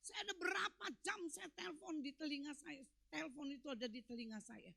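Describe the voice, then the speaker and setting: A woman pastor preaching a sermon with emphatic delivery, swinging between loud peaks and quiet, low drops. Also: fairly quick, gravelly, no echo.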